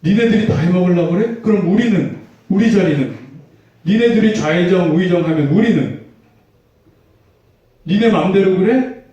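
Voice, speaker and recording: A man voicing petty, jealous male disciples bickering indignantly over who gets the best seat, his voice pushed higher and louder. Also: expressive, normal speed, pauses often, muffled recording. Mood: petulant bickering. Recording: echoey hall, mic far off.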